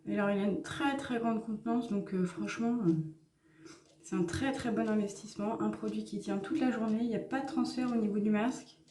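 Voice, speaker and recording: A woman's voice: mid-range voice, fairly even intonation, a little fast, warm tone, reverberant. A woman talking through a makeup tutorial in a casual, hesitant way with many fillers. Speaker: makeup vlogger.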